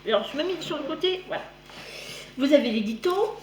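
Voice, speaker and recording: A woman's voice: sits high, expressive, a little fast, darkish tone. A woman with a slight lisp on her s sounds, chatting casually as she hosts a magazine review vlog. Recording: roomy echo, clear background noise.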